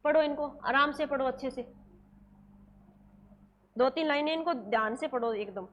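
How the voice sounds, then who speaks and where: Woman teacher, high voice, repetitive question-and-answer drilling, slow dictation; slightly dull recording. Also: fairly bright tone. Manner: slows right down to dictate English terms word by word. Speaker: nursing exam coaching teacher. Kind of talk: classroom lecture, dictating notes.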